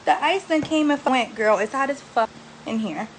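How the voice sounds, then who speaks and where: A woman's voice: sits high, moderate pace, slight background noise, low-quality recording. A young woman vlogging from a recovery house bedroom after surgery, venting bluntly and with swearing about her care, aggravated and worn. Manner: blunt, profane, exasperated venting. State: post-surgery, frustrated and aggravated. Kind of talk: venting to camera.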